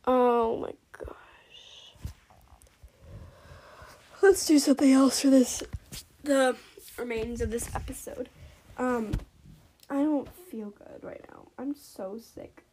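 A sick teenage girl with a bright, high voice rambles at her camera. She complains about her sore throat and drops "like" into most sentences. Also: unhurried, slightly rough. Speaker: vlogger. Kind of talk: casual chat to camera.

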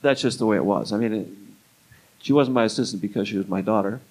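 He is an older man and a retired music club booker, a fast talker with a fairly low, slightly rough and a little mellow voice. In the interview he tells meandering, conversational anecdotes and slips into quoted dialogue.

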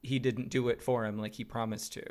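A man in his thirties chats casually as a podcast co-host, spinning his points out in an animated, storytelling way. His voice sits at an ordinary middle pitch. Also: fairly quick. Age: 30s. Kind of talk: casual chat.

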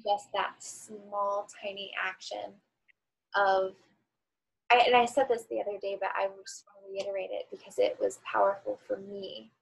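Woman host, heavy vocal fry, affirming tone, faint background noise. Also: mid-range voice, flat delivery, moderate pace, poor audio. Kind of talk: casual podcast chat.

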